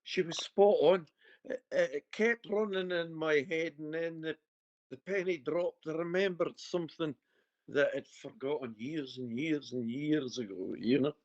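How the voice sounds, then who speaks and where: Chatting informally and bantering through a private reading, this broad-accented Scottish medium speaks a little high at a moderate pace. There's no echo, though the lo-fi recording sounds dull and muffled.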